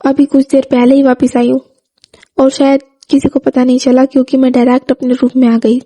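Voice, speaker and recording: A woman voicing a calm, reserved elder sister who answers briefly, read in a storybook. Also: sits high, brisk.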